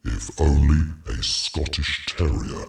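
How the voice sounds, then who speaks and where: A gruff little talking terrier speaks in a slow, extremely deep, gravelly drawl. The sound is synthetic, with a faint hiss behind. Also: male voice, full character voice. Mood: wistful. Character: talking male Scottish Terrier dog, gruff. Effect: robotic voice changer.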